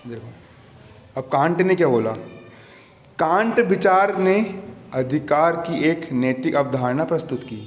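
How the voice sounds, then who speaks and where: A man's voice: on the high side, a little slow, long pauses. A young man teaching a coaching class, chatty and joking, often checking in with his students. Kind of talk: classroom lecture. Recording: echoey classroom with long reverb.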